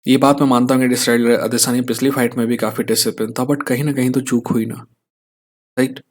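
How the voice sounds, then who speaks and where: A man's voice: medium pitch, flat delivery, brisk. Indian man explaining fights casually. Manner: conversational, tag questions to viewers. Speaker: fight analyst host.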